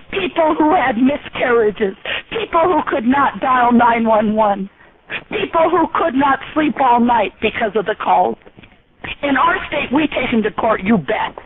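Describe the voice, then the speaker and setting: An older woman in a heated phone argument, ranting accusingly and repeating herself. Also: high voice. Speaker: angry call recipient. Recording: tinny, noisy phone line.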